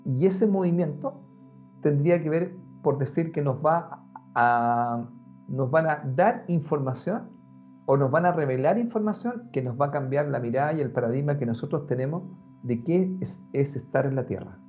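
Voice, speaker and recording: A man talks in a lively, conversational way, often turning straight to the listener. His voice sits a little high. The recording is muffled and lo-fi, with faint music in the background. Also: moderate pace. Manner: animated, conversational, addresses the listener directly. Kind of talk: casual explanatory talk.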